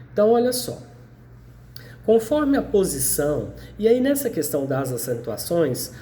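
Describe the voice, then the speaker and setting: A Brazilian man teaching a video lesson to sixth graders, checking in with the class as he explains and stretching out words to spell them slowly. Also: fairly high pitch, darkish tone, a little hiss or hum. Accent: Brazilian Portuguese.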